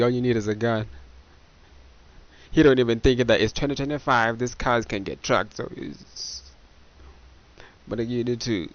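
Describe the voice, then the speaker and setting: A man's voice: medium pitch, highs cut off. A young man from Botswana giving casual reaction commentary, loose and slangy, calling everyone "bro".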